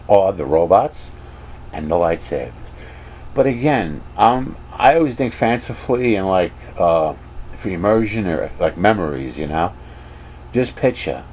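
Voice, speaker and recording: A man vlogging casually, rambling and animated as he gives strong opinions. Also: sits low, a little hiss or hum.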